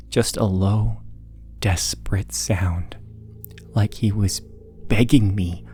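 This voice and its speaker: A man reads a scary story in a deep voice with a creaky, gravelly edge. He takes it very slowly and keeps his delivery hushed, letting dramatic pauses hang between short phrases. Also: a little hiss or hum. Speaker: narrator of scary stories. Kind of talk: scripted horror story narration.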